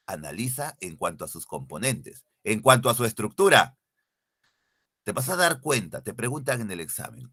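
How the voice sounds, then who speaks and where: Guy teaching an online class, bright voice, goes up and down a lot, dry close sound, keeps repeating definitions. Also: medium pitch, dry recording. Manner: repeats key definitions, quizzes students directly. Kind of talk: online exam-prep class. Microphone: computer mic, screen sharing.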